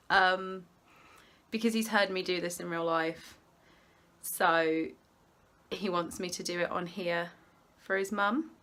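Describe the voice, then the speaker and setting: Brit woman rambling on her vlog at home, bright voice, keeps trailing off. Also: on the low side. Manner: rambling, chatty, self-interrupting. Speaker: vlogger. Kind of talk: casual chatty vlog. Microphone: phone camera clipped on a window ledge.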